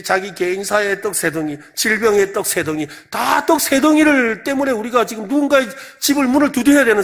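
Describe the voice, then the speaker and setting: A man's voice: high voice, creaky, a bit bright. A man with a Gyeongsang Korean accent preaching a sermon as senior pastor at a church service, quizzing the congregation with repeated questions.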